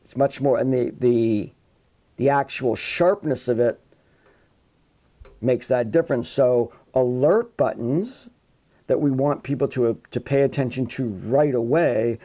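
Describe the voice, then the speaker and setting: A man's voice: medium pitch, a little slow, mellow. A man teaching a live online psychology class, talking casually into his computer microphone with frequent restarts and asides. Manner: casual, rambling with restarts, demonstrates sounds with his voice. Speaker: psychology instructor.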